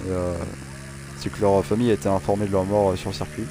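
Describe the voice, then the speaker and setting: A man's voice: sits low, flat delivery, quick pace, background noise. A man casually commentating over his own racing gameplay, rambling and joking with many fillers and restarts. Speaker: gaming channel host. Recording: game sounds and music behind.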